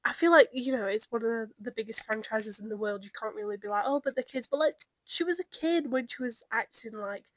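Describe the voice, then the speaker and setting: A woman's voice: on the high side, brisk, low-quality recording. A young woman co-hosting a podcast, chatting casually and telling stories animatedly. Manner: animated storytelling, acts out her own past reactions. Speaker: podcast co-host. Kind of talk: casual chat.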